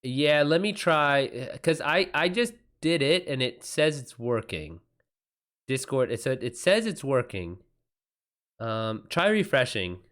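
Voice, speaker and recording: Chatting loosely with viewers, a male author on a livestream reads their messages and answers writing questions, swearing and using slang. He talks slowly in a medium-pitched, slightly bright voice that's very animated.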